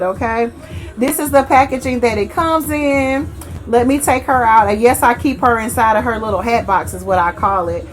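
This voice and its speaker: A woman reviewing fragrances in a chatty, rambling way, often correcting herself and talking fondly to her viewers. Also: fairly high pitch. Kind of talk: casual chat to camera.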